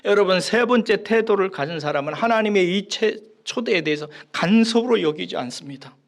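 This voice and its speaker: A male pastor preaching a sermon, dropping to hushed whispers and rising to emphatic, raised lines. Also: high voice, animated, brisk, creaky.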